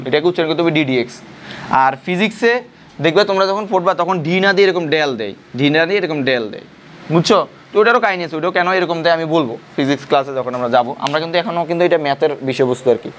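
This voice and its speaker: High-voiced man tutoring in class. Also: fairly bright tone, a little hiss or hum. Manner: questioning students, repeating points. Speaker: physics tutor. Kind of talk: classroom lecture.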